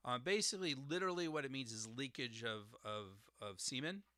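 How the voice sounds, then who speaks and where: A man's voice: medium pitch, animated, fairly quick, bright, forceful tone, no echo, studio quality. A man hosting an educational podcast, carefully explaining terms, spelling out words and tones, with frequent uhs. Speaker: podcast host explaining herbal formulas.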